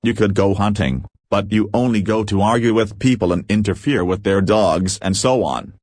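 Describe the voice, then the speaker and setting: A man's voice: lowish voice, moderate pace, darkish tone, no room sound, studio quality, close to an everyday voice. A man reading the part of a hot-tempered, fussy older landowner father in a play. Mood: scornful.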